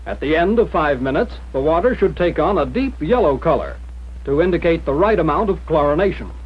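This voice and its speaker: 1940s-style narrator, American man, higher-pitched voice, slightly husky, formal instructional delivery, dull vintage film soundtrack. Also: animated. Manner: mid-century newsreel-style narrator, formal, measured instruction.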